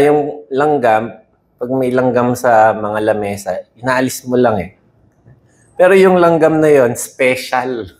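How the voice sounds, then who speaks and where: A man with a Filipino accent preaching a sermon in a lively, conversational way, mixing in English and checking in with "no?" and "di ba?" as he goes. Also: mid-range voice. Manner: animated, conversational Taglish with frequent "no?" and laughs.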